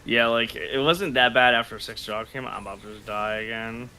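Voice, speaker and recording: A man's voice: mid-range voice, fairly even intonation, brisk, bright, forceful tone, rough recording. A man chatting casually as a fellow gamer, blunt and grumbling, with casual swearing. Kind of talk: casual gaming chat.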